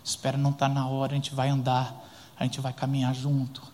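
A Brazilian pastor voicing God as a patient, fatherly figure who refuses gently and speaks slowly, softly and low. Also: in a large hall, natural voice. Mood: calm reassurance. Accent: Brazilian Portuguese. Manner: slow, soft and low, calmly refusing.

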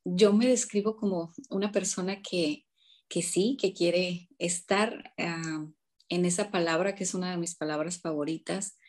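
A woman's voice: on the low side, a little slow. A woman, a teacher, telling stories as a guest on an interview and acting out the people she quotes. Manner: animated storyteller acting out quotes. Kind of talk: casual interview storytelling. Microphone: remote call from abroad.

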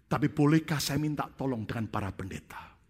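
A man voicing a dying wealthy old man who makes slow, quiet, deliberate requests, heard in a reverberant hall. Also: mid-range voice, animated, husky. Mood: solemn. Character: dying rich old man, solemn and secretive. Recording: long reverb of a large hall.

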